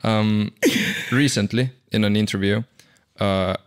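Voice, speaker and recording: A man speaking as a podcast guest, hesitant with many pauses and uhs. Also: fairly low pitch, fairly even intonation, clean tone, dry recording, clean studio sound. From Finland. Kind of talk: casual conversation.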